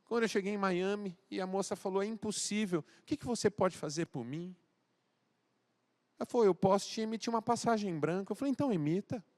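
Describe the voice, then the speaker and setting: This Brazilian pastor talks fast in a voice that sits high. His sermon swings between loud exhortation and soft, intimate address as he acts out the dialogue of a story.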